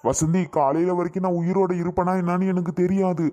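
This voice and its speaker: A man's voice: high voice, little pitch movement, fast talker, warm tone, natural voice. A man doing a groaning sick husband. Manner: moaning, pleading. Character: groaning husband with stomach pain. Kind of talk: cartoon voice acting.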